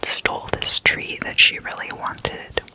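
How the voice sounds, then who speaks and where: Speaking only in a whisper, an ASMR host explains things casually through short, deliberate, hushed phrases.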